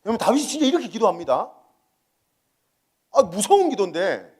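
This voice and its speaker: High, animated male pastor preaching. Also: brisk, breathy edge. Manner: lively preaching, asks the congregation questions. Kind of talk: sermon. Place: church worship service.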